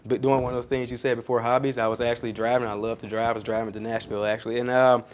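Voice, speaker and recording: A man's voice: mid-range voice, flat delivery, very fast. Chatty man answering onstage questions. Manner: chatty, rambling, self-deprecating, many fillers. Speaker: pastry chef and founder, featured speaker. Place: coworking space event.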